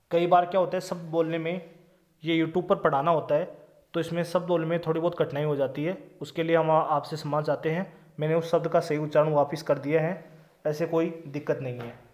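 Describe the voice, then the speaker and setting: Male Hindi tutor with a Rajasthani accent, slightly high voice, slow, deliberate list delivery; quizzes the class and answers himself. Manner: slow, deliberate listing of words one by one; quizzes the viewers with questions and answers them himself. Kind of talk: exam-prep lesson reciting synonym lists.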